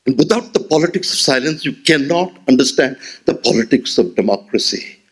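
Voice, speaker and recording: A sixty-something man with an Indian English accent speaks a little fast in a mid-range, breathy-edged voice. He's delivering a memorial lecture at an auditorium podium into a gooseneck mic, expressive, rhetorical and gesturing.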